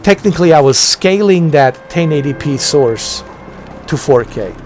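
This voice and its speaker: A man's voice: on the high side, lively intonation, unhurried, darkish tone, soft background music. A man hosting a gaming video, casually explaining technical details and circling back over his points. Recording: faint game noise behind the voice.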